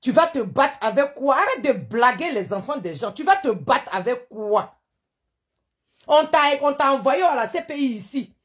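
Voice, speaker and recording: A woman with an Ivorian French accent hosts a live-stream rant. Her voice sits high, and she scolds indignantly, firing the same rhetorical questions again and again. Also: big pitch swings, moderate pace.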